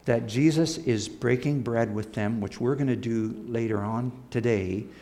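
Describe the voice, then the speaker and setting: A man's voice: medium pitch, unhurried, warm tone, slight background noise. A man preaching a sermon as a pastor, in conversational podium speech, reading scripture aloud and explaining it.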